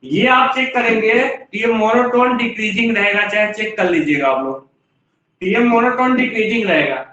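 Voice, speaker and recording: A man's voice: high voice, moderate pace, pushed and bright. A man teaching a math class, walking through each step and asking the class rhetorical questions. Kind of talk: classroom lecture. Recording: distant, echoey room, dull sound.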